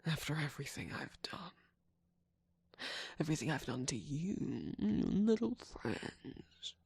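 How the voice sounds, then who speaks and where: A woman voicing a scheming, manipulative male cookie trickster in an ASMR roleplay, with a breathy whisper and a sly, taunting manner. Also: low-pitched, sing-song, a little slow, a little mellow, dry recording, full character voice. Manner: taunting, sly, laughs often.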